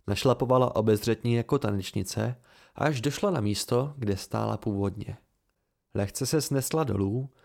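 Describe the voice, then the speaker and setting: A man narrating an amateur audiobook in a steady first-person storytelling manner. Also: mid-range voice, gravelly.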